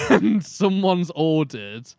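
A man's voice: high-pitched, sing-song, very slow, vocal fry, a little mellow, no room sound. A man hosting a podcast, telling a story in casual chat and laughing often. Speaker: podcast host.

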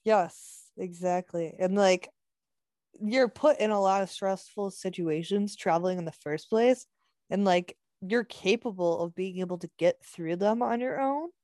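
A woman's voice: medium pitch, a little slow, warm tone, no echo, clean studio sound. A young woman co-hosting a podcast, chatting casually and agreeing readily. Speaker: podcast co-host. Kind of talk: casual chat.

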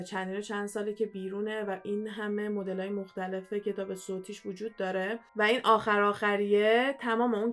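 A young woman chats freely as a podcast co-host, her words tumbling out with fillers and quick self-corrections. Her pitch sits in an ordinary middle range, and a faint bed of music plays underneath. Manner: chatty, fast, many fillers and restarts. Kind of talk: casual podcast chat.

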